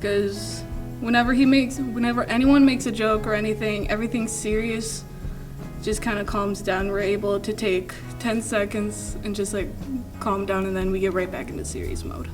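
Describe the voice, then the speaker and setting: A woman speaks earnestly and plainly, her voice sitting in the middle range. She is distant from the mic, and loud music plays under her. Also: mid-range voice, level tone, moderate pace. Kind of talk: casual tribute remarks.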